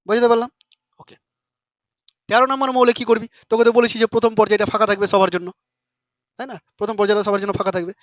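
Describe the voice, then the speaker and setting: A man teaches a class at a rapid clip, fast, informal and full of quick questions to his students. His voice sits high. The recording is dry and a little dull. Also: little pitch movement, fairly bright tone, no echo. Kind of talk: classroom lesson.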